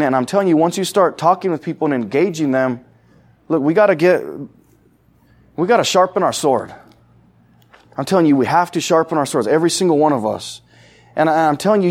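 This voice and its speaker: Male pastor, casual sermon delivery, fairly high voice, acts out voices and asks the room questions. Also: a little mellow. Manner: conversational preaching, acts out quoted voices, asks the congregation questions. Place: church sanctuary.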